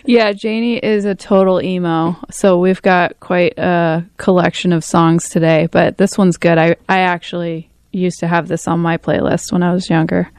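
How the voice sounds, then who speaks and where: Low, gravelly-voiced woman radio host. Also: moderate pace, few pauses, no echo. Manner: relaxed, encouraging, laughs along. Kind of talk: community radio interview.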